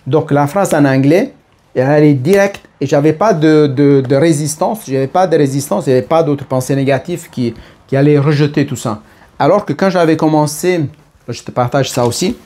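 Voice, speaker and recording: A middle-aged Italian-accented man speaks casually to camera about personal growth, his voice a little high and dark-toned at a moderate pace. A personal development speaker, he sounds hesitant, often restarts his phrases, and addresses the listener as tu.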